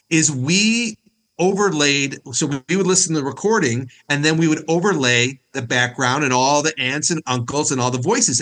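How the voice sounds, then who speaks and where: A man's voice: a little high, fairly bright tone. A man chatting as a guest on a podcast over a video call, jokey and self-mocking. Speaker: podcast guest, comic performer. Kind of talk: casual chat on a video call.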